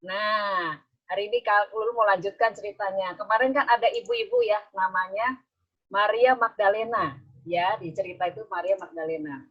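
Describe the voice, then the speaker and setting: A woman's voice: medium pitch, lively intonation, moderate pace, husky, dull audio. A woman Sunday school teacher telling a story to children on a video call, coaxing them with questions.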